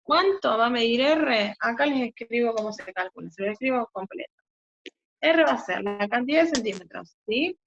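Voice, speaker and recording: A woman's voice: on the high side, lively intonation, normal speed. Woman teaching physics over a video call. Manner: explains step by step, often checks with "¿sí?". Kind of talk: online physics class. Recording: muffled video-call audio, faint noise.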